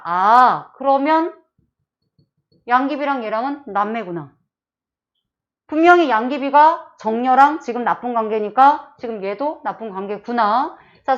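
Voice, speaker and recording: A woman's voice: high voice, dull audio. A woman teacher giving an exam-prep literature lecture, explaining step by step and often checking with her students.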